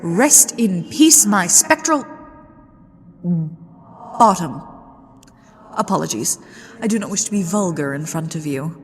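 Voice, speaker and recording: A woman's voice: on the low side, expressive, slow, pauses often. A woman playing a flirtatious, mischievous, genteel ghost lady of a haunted manor in an ASMR roleplay, with a coy, aristocratic, teasing delivery. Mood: haughty annoyance. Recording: long echoing reverb with music behind. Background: music.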